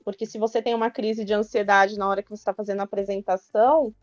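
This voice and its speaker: A woman's voice: mid-range voice, flat delivery, fast talker, no echo, lo-fi sound. A woman from Brazil on a podcast, giving practical advice in a chatty, explanatory way. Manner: explanatory, many filler tags. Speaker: guest speaker on public speaking.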